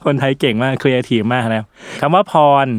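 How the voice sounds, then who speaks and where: A man's voice: medium pitch, normal speed, clean tone, no echo, studio quality. A man co-hosting a casual podcast, explaining things in a chatty way and laughing often. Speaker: podcast co-host.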